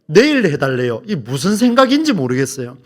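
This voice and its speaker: A man's voice: on the high side, wildly swooping pitch, brisk. A male pastor giving a Sunday morning sermon in a church, emphatic and questioning, and often turning to address the congregation directly. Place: church sanctuary.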